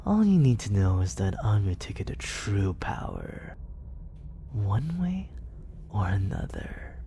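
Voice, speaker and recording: A male voice actor plays a smooth, manipulative villain in an ASMR roleplay, recorded close on a studio condenser mic. His low-leaning, mellow voice swoops wildly in pitch and is exaggerated, with a faint hiss or hum. He purrs slowly, condescending, coaxing and smug, soft-spoken yet controlling, often sinking into whispers.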